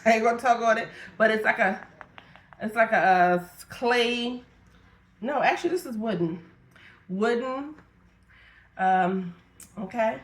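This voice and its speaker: A woman's voice: a little high, measured pace, pauses often. A middle-aged woman running a live auction as a reseller, chatting playfully and talking straight to her viewers. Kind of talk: casual live-selling chat. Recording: echoey room.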